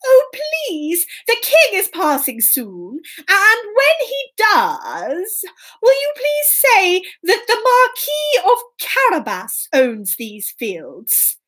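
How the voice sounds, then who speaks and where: Lady doing a storybook cat in boots, super high n swoopy, eager pleading schemer. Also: huge pitch swings, takes it slowly, a bit bright, heavily acted. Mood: pleading, persuasive. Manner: urgent, pleading, wheedling delivery. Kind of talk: children's storytelling with acted voices.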